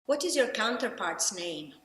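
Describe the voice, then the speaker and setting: A woman interviewer asking brisk, direct questions. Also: on the high side, very animated, a bit bright. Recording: echoey hall, faint background noise.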